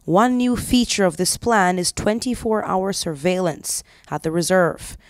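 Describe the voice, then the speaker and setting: A woman's voice: lowish voice, animated, a little slow, dry recording, clean studio sound. A woman reading a scripted news feature as a reporter, in a descriptive nature-documentary style. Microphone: close, dry voice-over mic.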